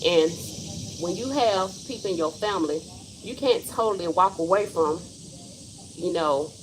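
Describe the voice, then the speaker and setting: Blunt, low-voiced woman in her forties. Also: a little slow, slight background noise, poor audio. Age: 40s. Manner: blunt and emphatic, speaks her mind. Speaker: livestream host. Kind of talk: casual livestream monologue.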